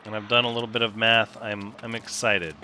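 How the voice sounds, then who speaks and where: A man's voice: fairly low pitch, flat delivery, brisk, bright, forceful tone, faint music behind. A man giving casual gameplay commentary, thinking aloud, counting pieces and joking with himself as he builds.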